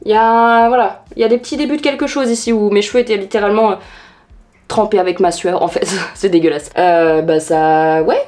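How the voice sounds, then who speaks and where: A woman's voice: medium pitch, fast, a little mellow. A woman chatting casually in a home beauty vlog, blunt and slangy, poking fun at herself as she tests tips in a hot room. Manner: blunt, slangy and self-mocking. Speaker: beauty vlogger testing tips.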